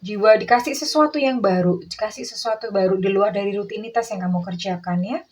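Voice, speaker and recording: A woman giving a tarot reading who calls herself Bunda and calls the listener darling, guiding a relaxation exercise in a soft, coaxing way that repeats words. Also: medium pitch, brisk, low-quality recording. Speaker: tarot reader.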